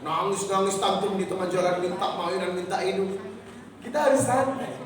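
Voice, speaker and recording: A man's voice: sits high, moderate pace, a crowd in the background. A man preaching in a mosque, telling stories, reciting verses and putting questions to his audience. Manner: lively storytelling, quotes verses and questions the audience. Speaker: Islamic preacher. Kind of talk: sermon. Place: mosque hall. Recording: echoey mosque hall from far off, noisy.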